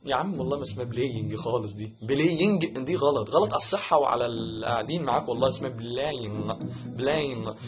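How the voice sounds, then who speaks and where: Fast-talking Egyptian man teaching pronunciation. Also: medium pitch, music in the background. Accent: Egyptian Arabic. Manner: joking, animated, mimics wrong pronunciations. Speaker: English teacher, channel host. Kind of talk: casual video lesson.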